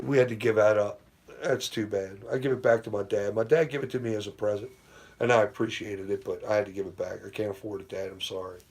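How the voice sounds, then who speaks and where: A middle-aged man hosting a casual late-night live stream from home, telling rambling, profane stories with lots of "you know.". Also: medium pitch. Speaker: livestream host. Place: at home near porch, at night.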